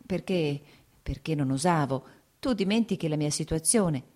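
A woman's voice: low-pitched, lively intonation, moderate pace, a little mellow. A woman voicing an eager, emotional noblewoman. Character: young noblewoman, anxious yet blissfully happy.

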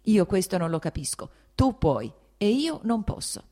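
A woman's voice: fairly low pitch, expressive, a little fast, warm tone. A woman voicing a young, proud and hurt woman who answers sharply and with agitation in a raised voice. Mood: furious.

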